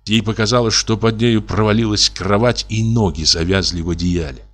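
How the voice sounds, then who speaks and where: A man with a lowish voice reads classic fiction aloud at an even, measured pace. His narration is expressive, with the mood carried by his delivery. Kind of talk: audiobook reading of classic fiction.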